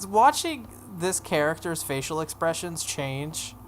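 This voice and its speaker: The audio is poor, but the voice comes through as mid-range and a bit bright. It belongs to a playthrough host giving a dramatic story reading, voicing dialogue and dropping in offhand asides.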